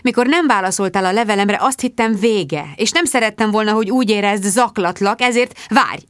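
An earnest, awkward grown man, read by a woman narrator, speaking softly and hesitantly in a slightly lowered voice. The recording is dry and close-miked. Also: clean tone, no room sound, close to an everyday voice.

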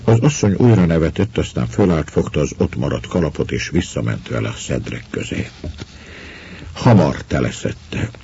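A man reading a story aloud as narrator, in a measured storytelling way. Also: rumbling low, expressive, vocal fry, dark tone, dull audio, a little hiss or hum. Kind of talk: audiobook reading.

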